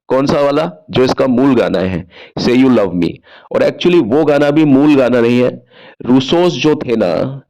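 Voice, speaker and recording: A male host tells a story in a relaxed, conversational way. His voice sits at an ordinary middle pitch. He keeps throwing in little questions and asides to the listener. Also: poor audio. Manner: chatty, asks himself rhetorical questions; frequent asides asking listeners to agree. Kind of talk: storytelling film-music talk.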